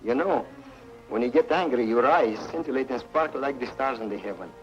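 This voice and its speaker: An actor playing a charming, gallant male hero who talks in smooth, flowery compliments. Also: mid-range voice, brisk, natural voice. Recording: dull old TV soundtrack with music.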